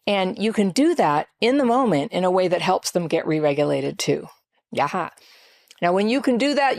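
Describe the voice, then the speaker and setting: A middle-aged woman coaching viewers on handling emotional people, in a calm, measured way with brief asides. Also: lowish voice, no echo, studio quality. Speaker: relationship coach. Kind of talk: advice talk to camera.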